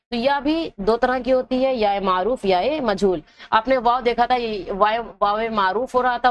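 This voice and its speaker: A woman's voice: on the high side, slight background noise. A woman teaching an Urdu exam-prep lesson, asking her own questions and answering them, dragging out example words to show how they sound. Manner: drags out example words to show their pronunciation.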